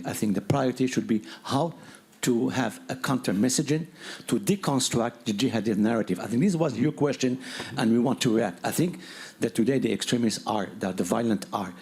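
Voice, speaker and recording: A man's voice: medium pitch, fairly quick, darkish tone, slightly rough. A man from Morocco in the audience who asks a panel a question, earnest and insistent. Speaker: audience member asking a question.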